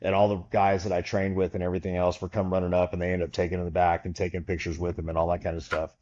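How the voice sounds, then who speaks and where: A man's voice: low voice, very fast, dull audio. A man guest on a podcast, telling a long story casually and acting out the voices of the people in it. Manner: animated storyteller, acts out quoted voices.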